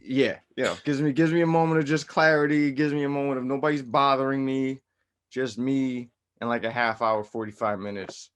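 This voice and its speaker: Podcast co-host, male, mid-pitched, lively and loose, casual banter. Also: a little fast, clear, resonant tone. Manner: animated, swings loud and soft, laughs, swears freely. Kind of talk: casual chat.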